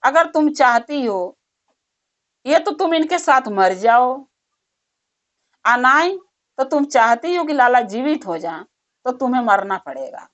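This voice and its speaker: Woman doing a calm, patient holy man giving instructions, highish voice, dull lo-fi recording. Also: a little slow, pauses often. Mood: instructing. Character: wise wandering holy man, calm and testing.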